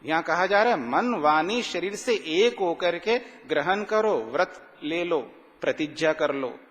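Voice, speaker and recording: Man, sermon, high voice, rhetorical questions, slow emphatic recitation, long hall reverb. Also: lively intonation, fairly bright tone, lo-fi sound. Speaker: swami giving a morning discourse. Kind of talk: sermon explaining ritual mantras. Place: ashram hall.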